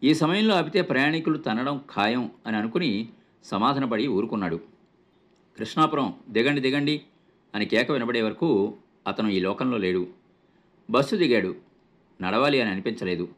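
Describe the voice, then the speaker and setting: A man narrating a short story in a measured storytelling manner, lightly voicing the dialogue. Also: mid-range voice.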